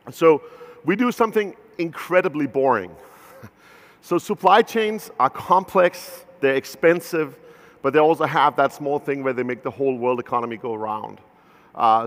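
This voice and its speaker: A Danish company founder in his thirties gives a keynote on a large conference stage, speaking loosely with many fillers and restarts. His mid-range, slightly bright voice carries the long hall reverb of a big venue.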